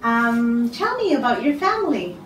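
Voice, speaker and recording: A middle-aged woman from Canada, an English teacher giving a speaking test, slow and encouraging with many ums and throat clears. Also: fairly high pitch, big pitch swings, a bit bright, soft background music. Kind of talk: slow, patient test interview. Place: small classroom office, indoors. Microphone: far camera. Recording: roomy, distant camera sound.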